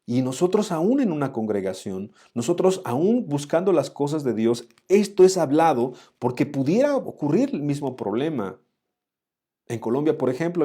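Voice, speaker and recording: A man leading a Bible study in an earnest, direct way, talking to the listener as "you". His voice is mellow and warm, sitting at an ordinary middle pitch. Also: breathy edge. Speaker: Bible teacher.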